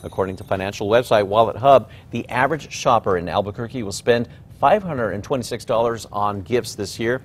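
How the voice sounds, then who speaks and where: A man's voice: lowish voice, slight background noise. A man anchoring television news, reading scripted stories.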